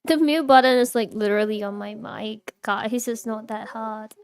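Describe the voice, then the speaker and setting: A woman's voice: fairly high pitch, fairly even intonation, normal speed, clear, resonant tone. A young woman streaming live, chatting casually with her viewers, reacting and laughing often while answering chat.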